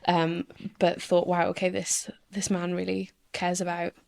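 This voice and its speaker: A woman's voice: fairly low pitch, completely flat delivery, unhurried, gravelly, a little mellow. A woman, chatting as a podcast guest in a hesitant, thoughtful way. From Swansea, Wales. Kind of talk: casual interview chat.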